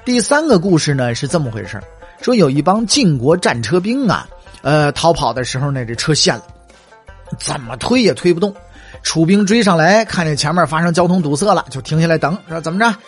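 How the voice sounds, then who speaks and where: A man's voice: on the high side, big pitch swings, fairly quick, husky, faint music behind. A man, telling history as humorous, chatty storytelling with wry asides.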